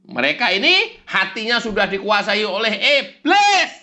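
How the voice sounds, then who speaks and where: A woman's voice: medium pitch, lively intonation, moderate pace, heavy background noise. A woman giving a mocking, satirical comedy monologue and laughing between bits. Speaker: comedic commentator.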